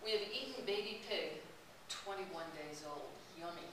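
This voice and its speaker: With a voice on the low side, a woman speaks in an expressive, unhurried way as she tells an audience about a long walk, often breaking into laughter. The audio is distant, roomy, and hissy.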